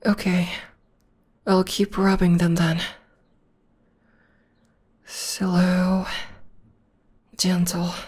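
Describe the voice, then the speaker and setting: In this ASMR roleplay, a female voice actor portrays a soothing young witch girlfriend who is devoted and reassuring. She half-whispers slowly and breathily right up against the microphone, her fairly low voice staying level yet exaggerated, with a tender, comforting warmth.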